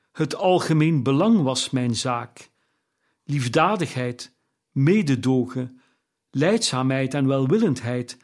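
A tormented male ghost, as a storyteller puts him on, lamenting his wasted life in a slow, mournful, declaiming voice. His pitch sits in an ordinary middle range for a man. It is the storybook voice of a dead man doing penance. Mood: anguished.

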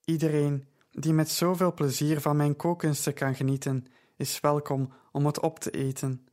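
A man voicing a tired, kind-hearted woman with a dry, gentle, plain-spoken manner in an audiobook. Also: fairly high pitch, level tone, moderate pace, close to an everyday voice. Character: weary, kind-hearted middle-aged woman host.

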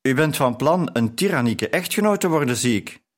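A man reading the lines of a spirited young woman writer with quick, indignant retorts. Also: mid-range voice, expressive, pitched above the performer's own voice, close to an everyday voice.

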